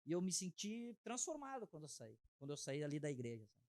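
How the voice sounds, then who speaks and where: Man, higher voice, heartfelt halting testimony, dry close sound. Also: very animated, darkish tone, dry recording. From Brazil. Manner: heartfelt, halting, frequent filler tags. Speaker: interview guest sharing testimony. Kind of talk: emotional personal testimony.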